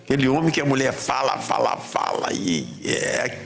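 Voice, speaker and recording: A man's voice: mid-range voice, moderate pace, vocal fry. A man with a Rio de Janeiro accent, a pastor preaching a sermon and telling funny stories. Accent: Rio de Janeiro Portuguese. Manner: humorous storytelling, animated. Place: church hall. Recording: echoey church hall. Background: music.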